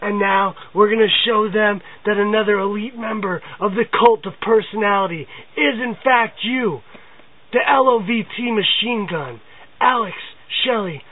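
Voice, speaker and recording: A man doing a low scheming faction leader. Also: moderate pace, recorded from a distance, lightly acted. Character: scheming male stable leader, calm and low. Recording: tinny lo-fi audio with music.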